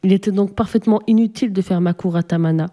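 A woman's voice: medium pitch, quick pace, mellow, close to an everyday voice. A woman voicing a young lovesick man in a storybook, speaking in a pleading way.

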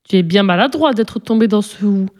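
A woman voicing a firm, gentle mother. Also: mid-range voice, lively intonation, close to an everyday voice. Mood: questioning. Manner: measured, gently admonishing.

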